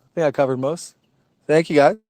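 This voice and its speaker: A man's voice: fairly high pitch, fairly even intonation, fairly quick, a little mellow, dry recording. A man hosting a casual community voice chat, upbeat and rallying his listeners. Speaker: crypto community host.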